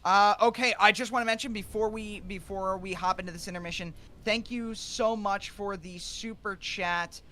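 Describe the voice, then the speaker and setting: A man hosting a casual livestream, speaking in a halting way and often repeating his words. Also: high-pitched, fairly even intonation, bright, forceful tone. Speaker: livestream host.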